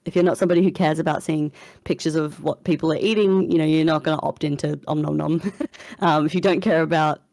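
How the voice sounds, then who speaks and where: A woman's voice: sits low, fairly even intonation, quick pace, creaky, darkish tone, no echo, clean studio sound. A woman hosting a casual live voice chat, upbeat and chatty, with fillers and frequent laughs, in her morning voice. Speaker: community manager hosting an AMA. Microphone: voice chat headset or computer mic.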